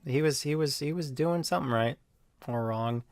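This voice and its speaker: A man talking casually on his video channel, rambling with lots of fillers and jumping into loud mocking voices when he quotes people. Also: medium pitch, moderate pace, no echo, studio quality. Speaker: YouTuber. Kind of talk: casual monologue.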